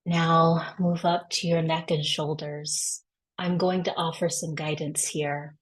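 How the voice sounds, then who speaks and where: A woman with a somewhat low voice talks listeners through a body scan, keeping her tone level. She goes very slowly and calmly, and each direction she gives is soft and reassuring.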